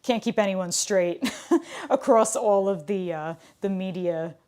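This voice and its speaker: A woman's voice: medium pitch, measured pace, darkish tone. A woman leading a livestreamed Pilates class, chatting casually and upbeat, correcting herself as she goes. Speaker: Pilates instructor. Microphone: livestream camera mic.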